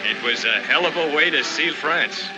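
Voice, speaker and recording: A man's voice: on the high side, expressive, normal speed, poor audio. A man giving punchy, declamatory wartime commentary in the manner of an old 1940s newsreel. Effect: old newsreel sound. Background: music.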